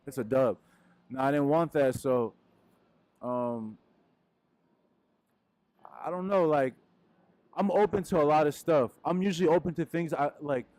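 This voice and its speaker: In a dry recording, a young Peruvian man speaks with a warm, medium-pitched voice, handheld mic in hand. As a musician guest in front of an indoor wooden wall, he gives laid-back, rambling interview answers packed with fillers.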